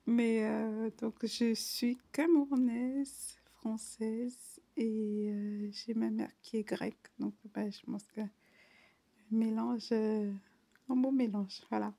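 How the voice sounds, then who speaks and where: A woman reads dictionary entries aloud in a slow, unhurried way, often slipping into an unvoiced whisper. Her voice sits a little high. The tone is dark and mellow. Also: level tone, creaky.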